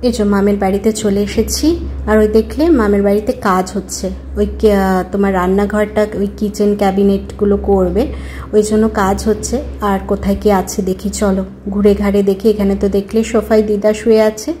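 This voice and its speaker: A woman's voice: mid-range voice, little pitch movement, fairly quick, mellow, slight background noise. A woman vlogger talking casually to the camera at home, chatty and rambling as she thinks aloud. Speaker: lifestyle vlogger.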